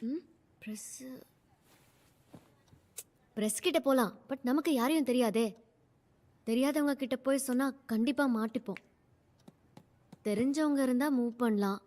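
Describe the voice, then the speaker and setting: A woman's voice: high-pitched, measured pace, pauses often, darkish tone, dry recording. An actress playing a bossy young woman who gives orders and mixes English into her speech. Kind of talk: film drama acting.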